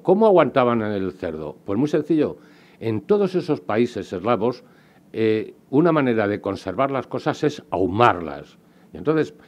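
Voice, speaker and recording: A man with a Spanish accent from Spain delivers a public lecture in a somewhat low voice. He talks conversationally, wandering into asides and questions for the audience. The recording is dull and lo-fi. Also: darkish tone. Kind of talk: public lecture on food history. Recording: dull lo-fi sound.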